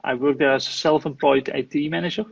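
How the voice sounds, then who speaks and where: A Dutch man from the Netherlands, an IT manager and property investor, speaks English with a Dutch accent as a guest in a live online interview over a video call. He's hesitant, full of fillers and restarts, talking fast in a steady, somewhat high voice with vocal fry and a breathy edge, and the audio is dull.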